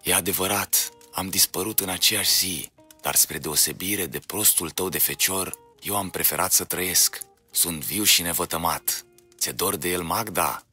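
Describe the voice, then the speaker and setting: A man's voice: pushed and bright, husky, faint music behind, exaggerated voice. A man voicing a menacing, mocking brute whose voice was stolen by a dragon, in a storybook. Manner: booming, mocking, slow.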